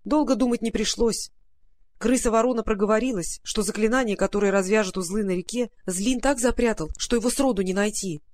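A woman reading an audiobook, voicing a calm, earnest male fairy-tale friend who explains a worrying trouble. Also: mid-range voice, fairly quick, lightly acted.

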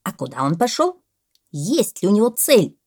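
A woman voicing a pompous male parrot who lectures loudly and exclaims often. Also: medium pitch, sing-song, a little slow, pitched above the performer's own voice. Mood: lecturing.

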